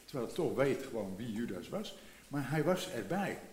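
A man's voice: mid-range voice, big pitch swings, moderate pace, echoey room, noisy background. A man in his seventies preaching a sermon in a reflective way, repeating phrases and rising for emphasis. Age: 70s.

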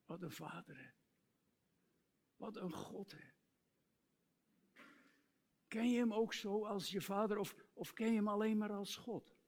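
A male preacher giving an earnest sermon, reciting hymn lyrics and dropping to soft, tender tones. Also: high-pitched, moderate pace.

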